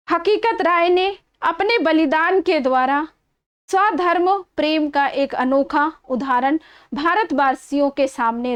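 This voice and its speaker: Woman reading a bio story slow, high voice, stops to explain words. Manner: explains words, repeats verses. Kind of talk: reading a biography aloud.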